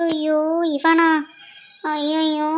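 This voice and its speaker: A woman voicing a cheeky little girl in a cartoon, sassy and quick to bicker. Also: high-pitched, monotone. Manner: sassy, bickering, turns to pleading. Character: cheeky, teasing little girl nicknamed shorty. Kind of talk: cartoon voice acting.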